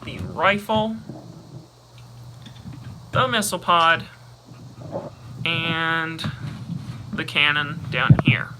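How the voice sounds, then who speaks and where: A man talking casually through a toy review, describing each step as he handles the toy and pausing or muttering now and then. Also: fairly high pitch, noisy background.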